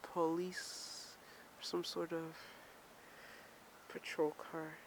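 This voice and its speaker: A woman's voice: low-pitched, level tone, very slow, slight background noise. A woman from Maryland chatting casually to her camera while walking outdoors, rambling and self-mocking, a little out of breath. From Maryland, USA. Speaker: vlogger. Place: outdoors on a snowy street. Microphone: handheld camera while walking.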